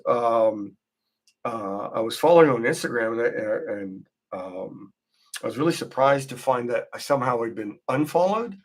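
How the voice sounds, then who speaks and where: A man hosting a live drawing stream, chatting casually in a rambling, halting way as he thinks aloud. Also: mid-range voice, fairly bright tone, slightly rough. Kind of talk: casual livestream chat while drawing.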